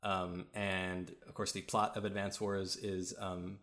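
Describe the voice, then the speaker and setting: Chatty low-voiced man rambling about games. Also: flat delivery, unhurried, fairly bright tone. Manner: rambling, filler-heavy, laughs often. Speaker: podcast co-host. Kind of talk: casual chat. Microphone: podcast mic.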